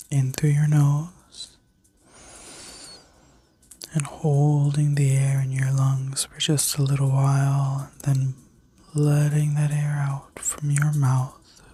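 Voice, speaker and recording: Casting: woman for whispered ASMR sleep-story narration and guided healing meditation; breathy, soft and dark in tone, even and soothing. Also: sits low, no room sound. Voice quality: breathy, mostly unvoiced whisper. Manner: soothing, slow, gently instructing. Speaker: ASMR reiki healer and video host.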